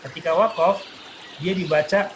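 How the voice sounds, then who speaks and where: A man teaching Quran recitation rules in a recorded lesson, explaining each rule and then slowly reciting example verses. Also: on the high side, steady tone, slight background noise.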